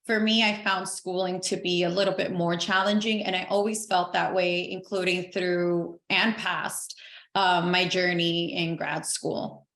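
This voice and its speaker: A woman's voice: lowish voice, flat delivery, fairly bright tone. A young adult woman from Venezuela, chatting as a podcast guest in a talkative, upbeat way. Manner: talkative, upbeat, quick to laugh. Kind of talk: casual interview chat. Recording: echoey room.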